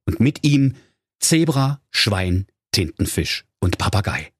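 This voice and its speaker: A man's voice: fairly low pitch, very animated, takes it slowly, breathy edge, dry recording, clean studio sound. A man narrating a comic fairy tale in an ironic, playful way. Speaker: storyteller.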